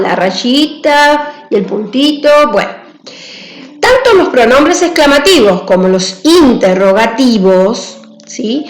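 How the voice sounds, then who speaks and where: A woman's voice: a little high, reverberant, poor audio. A woman teacher giving a grammar lesson, patient and careful, often checking in with her students. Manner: patient, repeats key points with "¿sí?".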